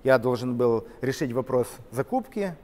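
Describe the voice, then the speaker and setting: A middle-aged man, a company co-founder, telling his story in an interview, lively and gesturing as he walks through large factory halls. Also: mid-range voice, normal speed, big-room sound. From Ukraine. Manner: animated, gesturing while walking and talking. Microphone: camera-mounted shotgun mic.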